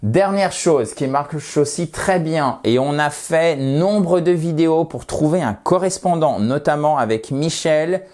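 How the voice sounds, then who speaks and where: A man who speaks natively, teaching an English lesson online, lively and talking straight to his viewers, checking in with them often. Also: a little high, a little slow, hardly any pauses.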